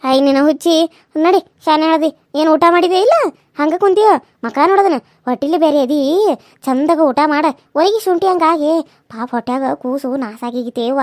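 A woman's voice: high-pitched, brisk, darkish tone, dry recording, clean studio sound, close to an everyday voice. A woman voicing a caring older village woman who comforts and advises. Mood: reassuring. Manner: soothing, bossy-kind, reassuring. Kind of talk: cartoon serial voice acting.

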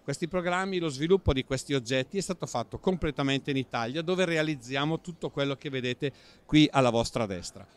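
A man with a fairly high voice walks listeners through a simulation at a trade fair stand. He explains in plain guide talk, pausing with fillers as he points things out. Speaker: company representative guide. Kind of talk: trade fair product demo.

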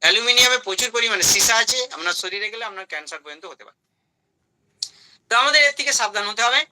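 High, bright-voiced man giving a health talk. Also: low-quality recording. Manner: emphatic, lists items in short bursts; asks rhetorical questions. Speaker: health speaker.

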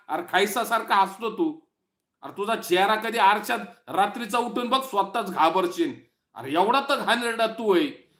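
High-pitched guy ranting mad and sneering at someone, roomy echo. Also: fairly bright tone. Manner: scornful, insulting, mocking. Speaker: YouTube commentator. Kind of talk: angry political rant to camera.

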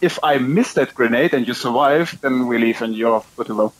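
A man's voice: mid-range voice, normal speed, a crowd in the background, rough recording. A German man speaking English with a German accent, chatting casually and a little hesitantly while playing an online game, in a joking manner.

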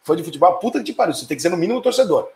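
A man's voice: high-pitched, big pitch swings, warm tone. A middle-aged man with a Brazilian Portuguese accent hosting a live stream, reading viewer comments and answering them in a profane, heated, ranting way. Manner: profane, fiery, quick to anger and rant. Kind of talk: casual heated live chat. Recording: echoey room.

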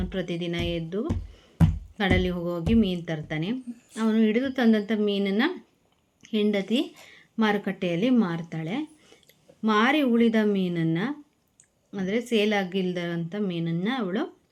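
A woman teacher reading a children's story aloud slowly and then explaining it to young pupils. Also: mid-range voice, a little mellow. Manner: slow, clear storybook reading with repeated calls.

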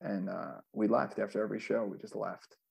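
A man's voice: fairly low pitch, steady tone, a little fast, gravelly, husky. A man, a former music manager, telling stories in a casual interview, loose and profane with lots of fillers. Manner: loose, profane storytelling with many fillers and acted quotes.

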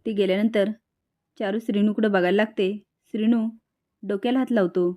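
A woman's voice: medium pitch, fairly even intonation, fairly quick, mellow. A woman with a Marathi accent retelling a TV serial episode, reading out each character's lines herself with light voicing.

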